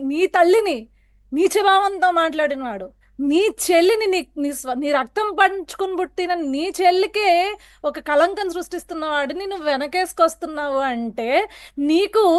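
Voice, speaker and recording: A woman with a very high, piercing voice argues as a guest on a political TV panel. She speaks forcefully and accusingly, piling on rhetorical questions in a heated televised debate.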